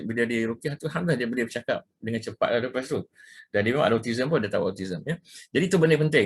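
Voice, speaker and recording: Malaysian guy giving a casual talk, rattles along quick, kinda husky voice, keeps saying ya and ha. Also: medium pitch. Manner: casual, repetitive, mixes in English words, frequent "ya" and "ha". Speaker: ruqyah practitioner giving a talk. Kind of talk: informal lecture with slides.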